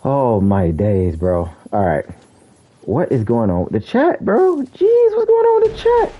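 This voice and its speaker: Man on a lo-fi low quality stream mic. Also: huge pitch swings, a little slow, husky. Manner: slangy, calls out enemies, says "bro" a lot. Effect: low quality stream audio, bad mic. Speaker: gaming streamer. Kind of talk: casual live gameplay commentary.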